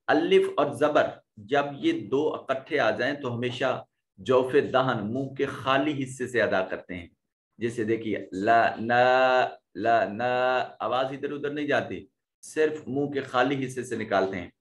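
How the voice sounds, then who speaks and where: A man's voice: mid-range voice, a bit bright. A man teaching a tajweed lesson, explaining pronunciation rules step by step and demonstrating the sounds himself. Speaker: Quran teacher.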